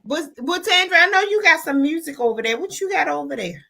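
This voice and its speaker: A woman's voice: high voice, lively intonation, a little fast, vocal fry, pushed and bright. An American woman co-hosting a casual chat in a playful, teasing manner. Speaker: co-host.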